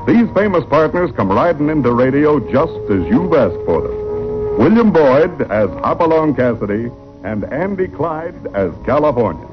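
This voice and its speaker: A man's voice: fairly high pitch, big pitch swings, normal speed. An American man narrating a vintage radio drama as its announcer, in a grand, theatrical scripted delivery. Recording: muffled old radio broadcast. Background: music.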